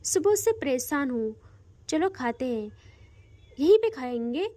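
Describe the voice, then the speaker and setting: A woman voicing a confident, possessive young woman who speaks lower and firmly, coaxing and commanding in an audio story. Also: very animated, measured pace, dark tone, no room sound. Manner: commanding, coaxing, low and firm.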